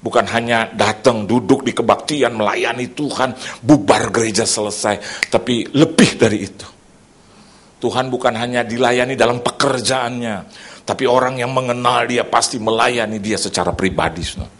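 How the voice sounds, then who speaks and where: Bright-voiced preaching man. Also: mid-range voice, moderate pace. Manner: lively preaching with shifts between loud and soft, sound effects. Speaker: pastor, evangelist. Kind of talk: sermon. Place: church.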